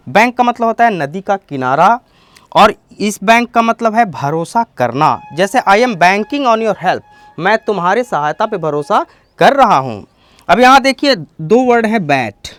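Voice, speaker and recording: A man's voice: high voice, fairly bright tone, dry recording. A man teaching English vocabulary, explaining each term and then restating it in simpler words. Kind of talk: bilingual vocabulary lesson.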